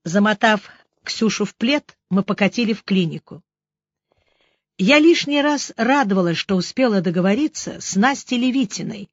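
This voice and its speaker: A woman narrating an audiobook in a lively, expressive way. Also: mid-range voice, dry recording, muffled recording. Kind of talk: scripted narration.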